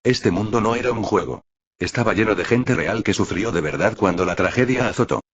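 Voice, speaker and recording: A man narrating an audiobook in an even, dramatic storytelling manner. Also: lowish voice, brisk, lo-fi sound.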